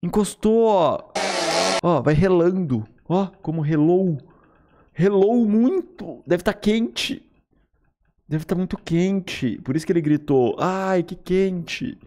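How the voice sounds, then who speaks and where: Excitable Brazilian streamer, yelping in fright. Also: male voice, high-pitched, takes it slowly, noisy background. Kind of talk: live reaction to a horror game. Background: game music.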